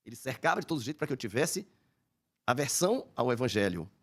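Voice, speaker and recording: An older man with a Brazilian accent appears as a podcast guest, sharing a personal testimony through animated storytelling and acting out the people he quotes. He talks fast at a medium pitch.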